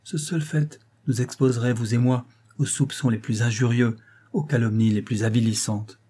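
A stern, proud husband, voiced by a male reader in an audiobook, pressing his points with grave emphasis. The voice is dark and husky, slightly raised when he grows heated. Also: medium pitch, fairly even intonation, moderate pace, natural voice.

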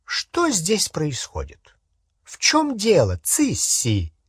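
A shrieking, imperious dark witch, put on by a male narrator, pitched up high and drawn out slowly. Her lines hiss and snap with a husky grain. An audiobook performance. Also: huge pitch swings, no echo, clean studio sound, heavily acted. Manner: shrieking, hissing. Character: shrill fanatical female dark witch, imperious.

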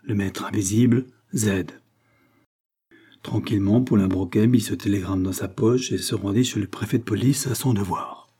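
A man reading a classic French adventure novel aloud as a measured, scripted narration. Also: fairly low pitch, fairly even intonation, mellow, breathy edge. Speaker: audiobook reader.

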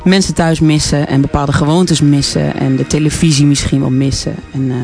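A woman guest in a radio studio, gently and expressively reading a storybook aloud. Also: low voice, level tone, a little fast, gravelly, soft background music. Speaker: guest reader.

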